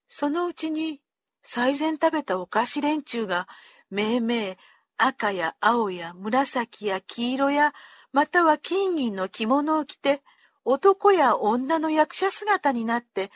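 A high-voiced woman reads a children's story aloud, her pitch leaping and falling with the tale. She acts out each character as she goes, and the sound is close and dry, with no room around it. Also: no room sound.

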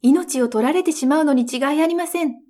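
A woman's voice: sits high, brisk, warm tone, pitched above the performer's own voice, lightly acted. A woman reading a storybook, voicing a tearful, frightened young princess who speaks anxiously. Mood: fearful. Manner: anxious, pleading.

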